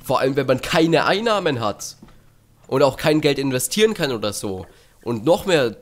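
A man's voice: medium pitch, very animated, normal speed, faint music behind. A man giving casual let's play commentary with sarcastic, dry asides. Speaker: let's player.

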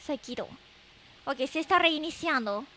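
This female streamer from Japan has a very high voice like an anime character and banters playfully with her audience, often exclaiming and saying things twice. Her delivery is animated and fairly bright, at a normal pace.

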